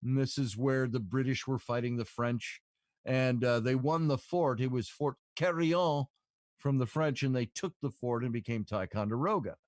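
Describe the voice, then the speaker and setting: A man hosts a podcast, chatting casually and rambling through long stories with plenty of fillers. He has a medium-pitched voice at normal speed, recorded with studio quality and no echo.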